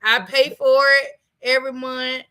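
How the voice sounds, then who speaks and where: Woman host, casual girl-talk chat, animated delivery, voice pitched a bit high. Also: unhurried, rough recording. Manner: chatty, animated, laughs often.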